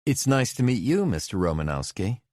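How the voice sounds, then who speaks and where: A man's voice: fairly low pitch, sing-song, normal speed, darkish tone, dry recording, clean studio sound, voice pushed up. A man voicing a polite, busy wife and mother, raising his voice to sound like a woman in an audiobook.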